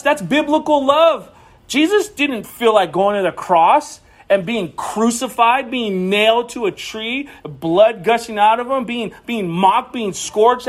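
A man with a high voice preaches to his congregation, talking earnestly and personally. He often stumbles and restarts as he tells his story. The sermon sounds like it was recorded in a church. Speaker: pastor.

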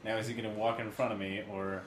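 A man's voice: fairly low pitch, flat delivery, fast. A man playing a horror game on a podcast, talking casually and wryly, jumpy and self-mocking. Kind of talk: casual let's-play commentary. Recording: echoey room with background noise.

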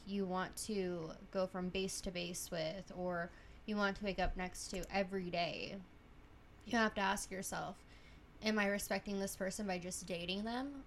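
A woman in her late twenties talks through a casual podcast chat in an earnest, emphatic way. Her pitch sits in an ordinary middle range, and a faint hiss runs under her voice. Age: late 20s. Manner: earnest, emphatic advice-giving.

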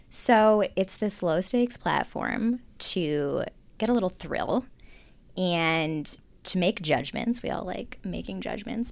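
A woman's voice: medium pitch, gravelly. A woman co-hosting a podcast, talking thoughtfully and explaining her ideas in detail. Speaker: podcast co-host. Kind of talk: casual academic podcast chat.

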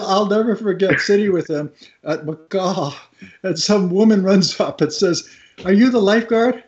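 A high-voiced man spins a lively anecdote, acting out the voices and laughing along as he goes. The sound is a bit dull, like radio audio. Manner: animated, laughs at his own story, acts out voices. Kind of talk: casual anecdote telling.

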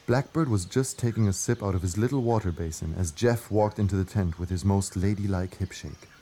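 A male narrator reads a children's adventure story. His voice is dark, mellow and a little low. Faint jungle ambience sits behind him. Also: fairly quick, slight background noise.

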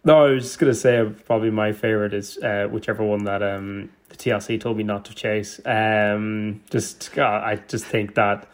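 Lowish-voiced Donegal man, wry and chatty. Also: fairly even intonation, normal speed, hardly any pauses. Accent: Donegal Irish. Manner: joking, wry, frequent 'like'. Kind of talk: casual chat.

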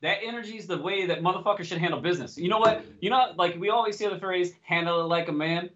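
A podcast host with a high-sitting, slightly bright voice talks quickly in a casual chat, speaking bluntly, straight-talking and swearing freely. The recording is dull and lo-fi.

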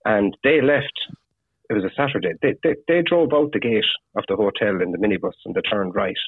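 Husky irish guy, galway west of ireland accent, rambling fishing-guide yarns, tinny phone-like radio sound. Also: on the low side, dry recording. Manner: rambling, halting, peppered with "you know" and "you see". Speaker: fishing guide (gillie) interviewed as guest. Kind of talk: casual anecdotal storytelling.

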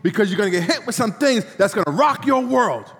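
A man's voice: sits high, big pitch swings, fairly quick, fairly bright tone, slight background noise. A man preaching a sermon in a church, repeating phrases and leading call-and-response. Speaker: pastor. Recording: long hall reverb.

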